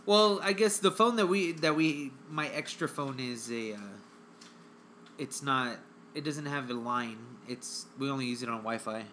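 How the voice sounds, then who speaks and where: A man's voice: medium pitch, unhurried, a bit bright, a little hiss or hum. A man co-hosting a casual podcast, rambling and swearing offhandedly with frequent restarts. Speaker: podcast co-host. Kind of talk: casual chat.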